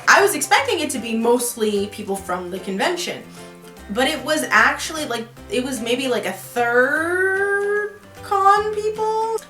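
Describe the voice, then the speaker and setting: A woman's voice: fairly high pitch, a bit bright. Young woman rambling on her vlog at home, lots of likes and restarts, echoey room. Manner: rambling, filler-heavy, with many restarts. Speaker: vlogger. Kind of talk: casual chat. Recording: roomy echo.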